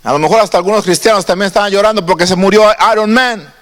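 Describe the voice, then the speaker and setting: A man's voice: sits high, fast, fairly bright tone, long reverb tail. A man preaching a sermon to his congregation. He talks in a conversational way and often asks his listeners questions. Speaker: pastor. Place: church.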